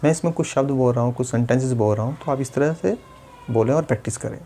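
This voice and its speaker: A man, a speech therapist calmly explaining exercises step by step. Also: medium pitch, fast talker, a little hiss or hum. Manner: patient, step-by-step, demonstrates sounds. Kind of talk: instructional demonstration.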